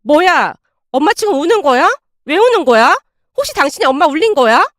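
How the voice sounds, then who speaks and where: A woman's voice: very high-pitched, big pitch swings, brisk, fairly bright tone, no room sound, studio quality, voice pushed up, full character voice. A woman voicing a self-centered young wife who protests shrilly and defensively. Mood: indignant.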